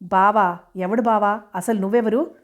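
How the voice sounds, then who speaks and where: A woman voicing an agitated, confused young man who shouts accusations at his family. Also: mid-range voice, steady tone, a little slow, lo-fi sound, natural voice. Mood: hostile, shouting. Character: agitated young man, hostile, confused after head injury.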